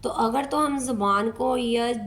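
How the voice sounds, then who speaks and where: Woman tajweed teacher, unhurried patient delivery, slightly high voice. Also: a bit bright. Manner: slow, patient explaining with drawn-out demonstrations. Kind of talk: step-by-step recitation lesson.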